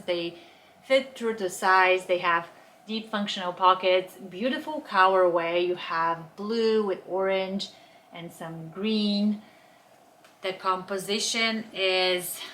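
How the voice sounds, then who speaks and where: Bright-voiced woman chatting fashion. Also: medium pitch, a little hiss or hum. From Bulgaria. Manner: chatty, enthusiastic product descriptions. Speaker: fashion vlogger. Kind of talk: casual haul and try-on talk.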